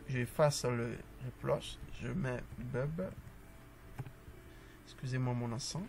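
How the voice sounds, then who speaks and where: Relaxed man walking through code. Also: mid-range voice, slight background noise. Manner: relaxed, talks through each step as he types; upbeat asides to the viewer. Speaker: coding tutorial instructor. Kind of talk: casual screen-share coding tutorial.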